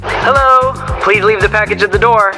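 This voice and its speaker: A woman's voice: medium pitch, normal speed, over music. A homeowner, a woman, giving polite, brief instructions through a doorbell speaker. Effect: heard through a doorbell speaker.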